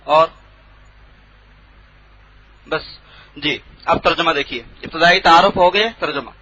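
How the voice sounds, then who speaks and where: A high, bright-toned man teaches a Quran translation class in a room with no board. He stops often to quiz the students and says each word again slowly. The recording is dull and lo-fi. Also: slight background noise. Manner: drills students with questions and repeats words slowly.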